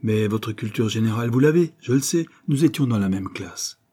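A man's voice: medium pitch, animated, normal speed, mellow, breathy edge. A man voicing a blunt, sardonic young man. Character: frank, blunt young man, mocking lecturer.

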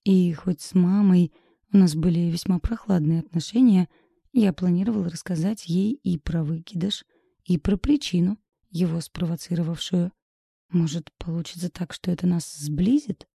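A woman reads a first-person story in a measured, intimate, inward voice. It is low, very dark and gravelly, with a husky grain. The recording is dry and close. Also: fairly even intonation, no echo. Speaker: audiobook narrator. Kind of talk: first-person audiobook narration.

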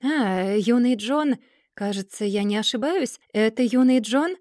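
A woman voicing a proud, quick-tempered older gentleman who blusters loudly and hems and haws when embarrassed. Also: on the high side, no room sound, clean studio sound, lightly acted. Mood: pompous. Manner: blustering, then faltering with hems.

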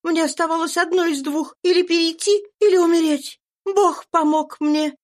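A woman reading an audiobook voices a desperate young runaway mother, speaking high, fervent and pleading. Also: fairly even intonation, moderate pace. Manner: pleading, fervent, trembling with urgency.

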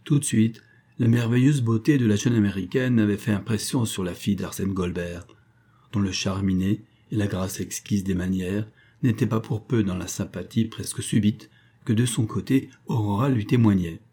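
A man narrating an audiobook in a steady, measured reading style. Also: on the low side, husky. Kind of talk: scripted narration.

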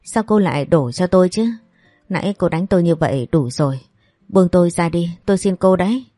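A woman's voice: lowish voice, brisk, dark tone, dry recording, clean studio sound, soft background music, lightly acted. Spiteful jealous young woman, read by a woman. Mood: fake whining. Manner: sneering, insulting.

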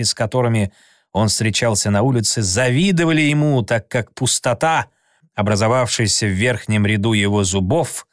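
A man narrating a storybook in expressive scripted narration. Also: mid-range voice, dry recording, studio quality. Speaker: audiobook narrator.

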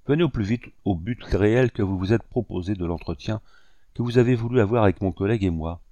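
A cold, ironic young officer , played by a man reading aloud, answers with open contempt. The tone is dark and low. It sounds dry and close to the mic. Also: fast talker, dry recording, muffled recording, lightly acted. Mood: disdainful. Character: young disdainful male army captain. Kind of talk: audiobook character reading.

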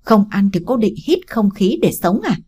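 A woman's voice: medium pitch, very animated, normal speed, warm tone, breathy edge. A woman voicing a curt, terse young husband. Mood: blunt. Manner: terse, blunt. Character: curt cool young husband, man of few words.

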